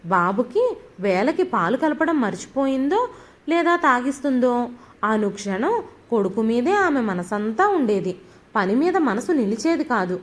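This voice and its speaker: Expressive woman storyteller, lively voice. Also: fairly high pitch, measured pace. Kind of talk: scripted story narration.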